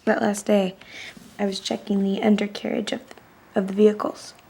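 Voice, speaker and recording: A woman's voice: mid-range voice, flat delivery, normal speed, creaky, mellow, husky. An actress playing a young woman soldier remembering her last day at a checkpoint, wry and worn. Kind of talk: dramatic monologue.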